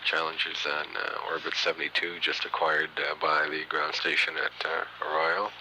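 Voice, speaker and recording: A man giving matter-of-fact mission control status commentary, halting often with uhs and pauses, on an archival radio feed. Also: extremely low pitch, little pitch movement, pushed and bright, a little hiss or hum, low-quality recording. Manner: halting, hesitant delivery with frequent uhs and pauses. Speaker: mission control announcer, public affairs commentator. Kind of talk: spaceflight status commentary, partly improvised.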